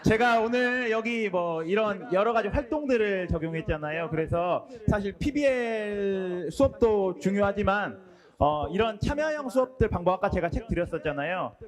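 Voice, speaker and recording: High-voiced polite male instructor. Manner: polite, measured, hosting Q and A. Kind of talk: lecture to teacher trainees.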